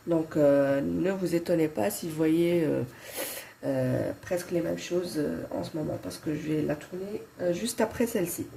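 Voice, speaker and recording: Working through her monthly budget, a vlogger in her thirties with a Belgian French accent and a head cold chats casually to her viewers, hesitating with many fillers and restarts. Her deep voice is expressive, creaky and mellow at a normal speed, with a little hiss or hum in the background.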